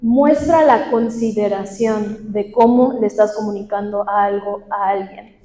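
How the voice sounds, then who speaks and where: A woman's voice: mid-range voice, unhurried, mellow, a little hiss or hum. A young woman giving a workshop talk to a live group, teaching conversationally and asking the audience questions. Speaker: workshop speaker. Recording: echoey hall with long reverb.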